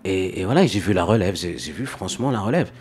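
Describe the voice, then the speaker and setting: A man's voice: low-pitched, lively intonation, quick pace, a little mellow, soft background music. A man from Morocco, a guest in an interview, talking casually and often repeating words as he searches for phrasing.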